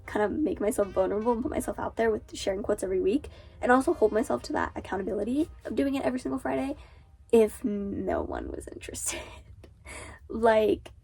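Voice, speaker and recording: A teen girl's medium-pitched voice comes out very animated and a little fast, gravelly, mellow and slightly rough, thick with the stuffiness of a cold. Chatting casually as an author and booktuber, she fills her talk with "like."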